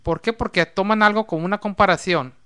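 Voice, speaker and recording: A man with a high-pitched, brisk, sharp yet smooth voice co-hosts a religious discussion program. The talk is casual, and he explains things at length using long lists and rhetorical questions.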